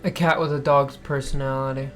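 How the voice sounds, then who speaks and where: A man's voice: medium pitch, level tone, a little fast, fairly bright tone, soft background music. A young man co-hosting a casual podcast, blunt and joking, with casual slang. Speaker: podcast co-host. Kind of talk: casual chat.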